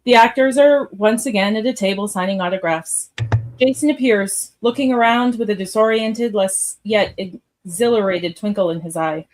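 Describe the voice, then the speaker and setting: A woman's voice: mid-range voice, moderate pace, low-quality recording. A woman narrating a radio theatre piece, reading scripted stage directions.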